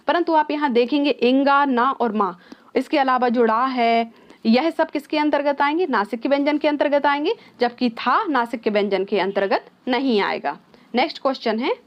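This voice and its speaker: A woman teaching an exam-prep lesson in a fairly high voice. She puts a question to the class and then answers it herself, dropping English words into her explanation. The recording sounds somewhat dull and lo-fi.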